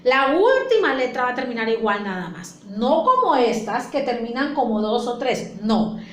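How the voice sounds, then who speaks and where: This primary school teacher goes through a lesson with her class patiently, restating points and questioning the students. Her slightly high voice swings widely in pitch at a normal speed with a fairly bright tone; the room is echoey with faint ambience and a bit of hiss or hum.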